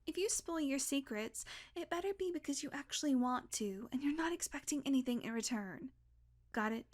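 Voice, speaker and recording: A woman with a high, expressive voice voices a vampire in an intimate audio roleplay: blunt and sarcastic, yet guardedly caring. Irritated and on guard, she coaxes with sighs and deliberate pauses.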